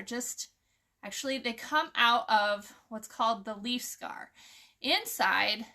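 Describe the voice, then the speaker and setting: At a children's story time, a woman gives an informal nature lesson with read-aloud, explaining things casually and asking the young listeners questions. Her slightly high voice is bright and forceful.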